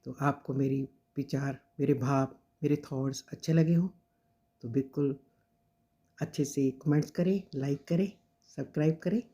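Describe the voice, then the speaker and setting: A woman telling a moral story in a gentle, measured way to her viewers. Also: extremely low pitch, fairly even intonation, slightly rough. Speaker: storyteller and speaker. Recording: dull lo-fi recording.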